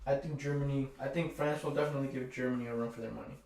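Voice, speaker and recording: Man, casual podcast chat, halting, easygoing, distant mic. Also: medium pitch, fairly even intonation, creaky, darkish tone, heavy reverb. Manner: easygoing, halting with fillers and repeats. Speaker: podcast co-host.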